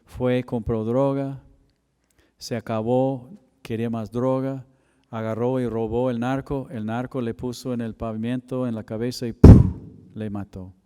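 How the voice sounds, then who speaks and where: A man pastor shares an emotional personal story during a sermon, speaking slowly and deliberately. His mid-range voice stays level, warm and clean, echoing with the long hall reverb of a church chapel.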